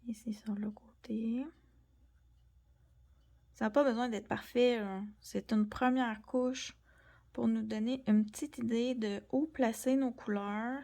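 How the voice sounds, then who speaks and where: A young woman with a Québécois French accent, gently explaining a colored pencil drawing tutorial and sometimes dropping to near-whispers. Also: on the high side, fairly even intonation, measured pace, gravelly. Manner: gentle, soft-spoken, drops into near-whispers while drawing. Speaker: art tutorial host.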